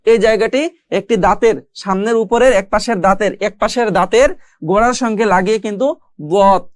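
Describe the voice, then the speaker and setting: A recitation teacher giving a recorded online class, patiently explaining step by step and repeating each letter sound slowly several times. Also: mid-range voice, no room sound. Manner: explains step by step, addressing learners directly.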